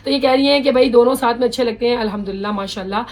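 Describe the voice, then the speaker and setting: A woman, chatting bluntly and readily as she reads viewer comments in a home vlog. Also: on the high side. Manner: talkative, blunt, quick-tongued. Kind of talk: casual chat.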